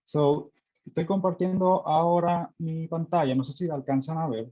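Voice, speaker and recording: A man with a Mexican accent, an internist presenting in a friendly, relaxed way with many fillers. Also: on the high side, normal speed. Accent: Mexican Spanish. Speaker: internist and guest speaker. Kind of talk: online medical presentation. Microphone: video call. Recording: muffled video-call audio.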